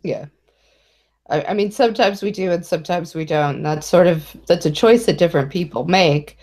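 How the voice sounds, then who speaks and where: Woman guest, chatty and animated, laughs easily, casual conversation. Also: on the low side, moderate pace.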